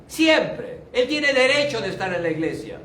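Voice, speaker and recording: A man's voice: very high voice, very animated, normal speed, fairly bright tone, slight background noise. An older male pastor giving a fervent sermon testimony, dropping in short English asides. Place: church. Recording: roomy church sound, distant mic, faint music.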